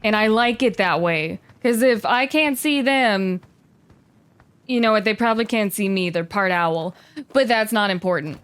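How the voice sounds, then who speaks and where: A woman's voice: mid-range voice, moderate pace, clean tone. Curious woman narrating her gameplay. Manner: curious, thinking aloud, sometimes hushed. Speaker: let's-play host. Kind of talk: casual gameplay commentary. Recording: faint game music behind.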